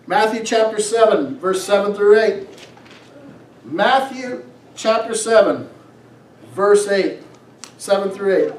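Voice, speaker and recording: A high-pitched middle-aged man, a pastor, delivers an emphatic, exhorting sermon from the stage of a small church sanctuary, reading scripture and using rhetorical questions and drawn-out phrases to make his points. The room is echoey, the mic is distant, and there's a little hiss or hum.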